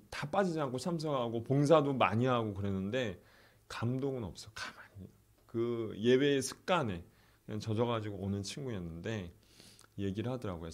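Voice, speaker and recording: A middle-aged pastor telling a story in a sermon, softly acting out the prayers of the people in it. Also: male voice, medium pitch. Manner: soft-spoken, acts out quoted prayers, laughs often.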